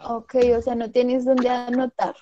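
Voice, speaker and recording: A woman's voice: fairly high pitch, level tone, measured pace, highs cut off, very noisy. A woman teaching English on a video call, checking in often with "¿listo?". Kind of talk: online class teaching. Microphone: computer mic on a video call.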